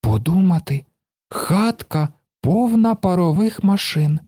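A man's voice: sits high, animated, slow pace, mellow, husky, no room sound, clean studio sound, pitched above the performer's own voice, heavily acted. A man reading a storybook aloud and voicing an earnest young boy who worries and asks wondering questions.

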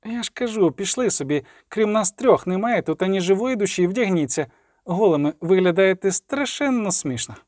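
A man reading aloud and voicing a quick, chattering young girl. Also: high voice, animated, a little mellow, no echo, clean studio sound, pitched above the performer's own voice. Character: young girl, brisk, hiding her fear.

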